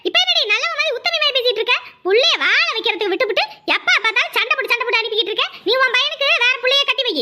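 A woman voicing a fierce, sharp-tongued village grandmother in a cartoon, scolding and combative. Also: very high-pitched, lively intonation, rapid-fire, few pauses, background noise. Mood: furious. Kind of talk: cartoon voice acting.

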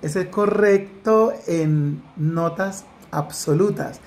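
A man's voice: a little high, gravelly, a little mellow. A man teaching a solfège lesson, explaining exercises step by step and singing note names and rhythm syllables. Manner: slow, deliberate explanation, breaking into sung syllables and counted beats. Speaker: music teacher.

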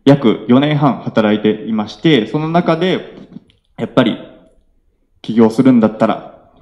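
A man in his late twenties with a Kansai accent, giving a polite self-introduction at a local meetup, often pausing on filler sounds. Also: mid-range voice, a little mellow, highs cut off. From Nara, Japan. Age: 20s. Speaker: young entrepreneur presenter. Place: event hall with audience.

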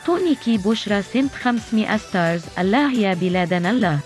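A man voicing a dim but helpful pet creature in a squeaky, slow voice with an Egyptian Arabic accent. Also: expressive, faint music behind. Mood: goofy.

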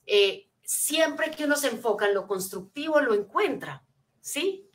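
A woman's voice: high-pitched, a little slow. A woman giving a motivational seminar talk, teaching her points like a lesson and checking in with listeners with rhetorical questions. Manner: energetic teacher, frequent rhetorical check-ins; spells out acronyms, asks listeners to take notes. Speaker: motivational speaker.

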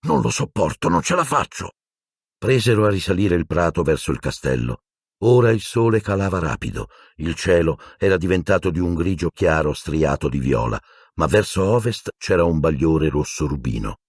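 A man reading an audiobook with expressive storytelling. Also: sits low, moderate pace, husky, dry recording, clean studio sound. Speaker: audiobook narrator.

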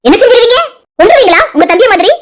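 A woman's voice: very high-pitched, lively intonation, very fast. A woman voicing an angry pregnant young wife in a cartoon drama, accusing and sarcastic. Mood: furious.

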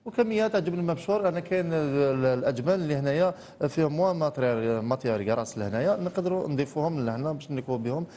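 Fast-talking Algerian chef in echoey studio. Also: male voice, fairly high pitch, expressive, warm tone. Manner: rapid, explaining steps. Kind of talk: cooking demonstration. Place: TV studio kitchen.

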